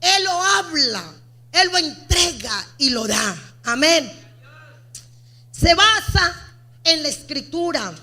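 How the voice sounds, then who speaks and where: A woman pastor preaching a sermon, swinging between loud, emphatic outbursts and quiet asides, repeating phrases and asking the congregation rhetorical questions. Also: high-pitched.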